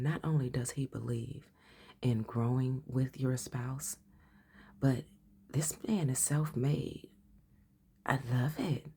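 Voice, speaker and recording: A woman giving a casual, chatty tarot reading. She calls the listener honey and often drops into soft whispers. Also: extremely low pitch, gravelly, husky. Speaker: tarot reader.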